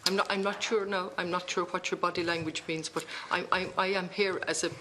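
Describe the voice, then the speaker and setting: The speaker has a west of Ireland accent and a mid-pitched voice. The delivery is formal committee questioning, insistent and repetitive. There is clear noise with clicking on the recording. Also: little pitch movement, a little fast, bright, forceful tone. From Galway, Ireland. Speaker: parliamentary committee member questioning a witness.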